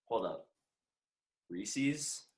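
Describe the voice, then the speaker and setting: A man's voice: lowish voice, animated, extremely slow, husky. A man chiming in on a casual podcast, teasing his friends and giggling.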